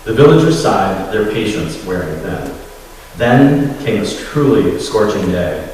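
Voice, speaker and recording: A man with a fairly low voice gives a storytelling talk, pausing often on fillers and restarts. He sounds a little nervous. He is heard from a distance in a large hall with a long, echoing reverb. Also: big pitch swings, a little mellow, a little hiss or hum. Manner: hesitant, many fillers, admits nerves. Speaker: guest speaker at a secular congregation. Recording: echoey hall, voice from far off.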